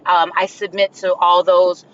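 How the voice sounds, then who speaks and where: A woman ranting to camera in a casual, animated way, telling a story and breaking into shrill screams. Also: a little slow, dull audio. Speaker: social media poster.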